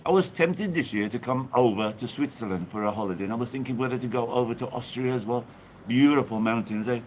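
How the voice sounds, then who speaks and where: A man's voice: mid-range voice, fast, darkish tone, a little hiss or hum. A man from England chatting casually on a phone live stream, bubbly and reading viewer comments aloud while outdoors. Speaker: vlogger hosting a live stream. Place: outdoors with a church view behind. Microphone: phone held in front of him.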